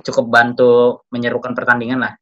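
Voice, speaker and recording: Young male guest, bright clear tone, relaxed conversational football talk. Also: mid-range voice, fast, highs cut off. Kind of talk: casual football chat.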